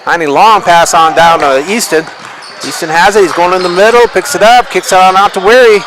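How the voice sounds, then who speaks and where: A man's voice: high voice, fairly quick, fairly bright tone. A man giving live basketball commentary in short, folksy running calls with colloquial asides. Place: indoor gym during a game. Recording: noisy live gym broadcast. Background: bouncing basketball, gym ambience.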